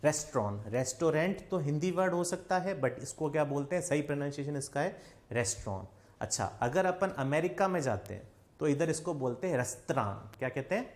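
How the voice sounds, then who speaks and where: Male English tutor, Indian accent, young adult, a bit high-pitched, online lesson style, keeps asking the viewer questions. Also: animated, fairly quick. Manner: quizzing the viewer with repeated questions. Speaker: English teacher.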